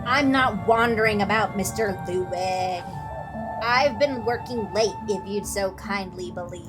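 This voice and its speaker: A woman's voice: mid-range voice, measured pace, over music, close to an everyday voice. A woman voicing a prim, polite young village woman who speaks formally.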